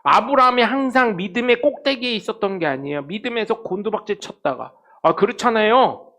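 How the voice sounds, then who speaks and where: High gravelly pastor preaching. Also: male voice, lively intonation, fast talker. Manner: storytelling, acting out quoted people, swings from loud to very soft. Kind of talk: sermon. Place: church sanctuary.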